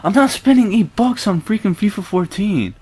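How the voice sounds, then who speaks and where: A man's voice: high-pitched, lively intonation, normal speed, darkish tone. A man chatting casually with a friend while gaming, laughing at him and scolding him in exasperation. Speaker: gamer.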